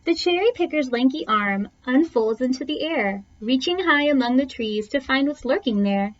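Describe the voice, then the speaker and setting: Heard through a dull, lo-fi recording, a woman reads a rhyming picture book for children at a moderate pace. Her high-pitched voice is expressive, and she dramatizes the verse by stretching and punching key words.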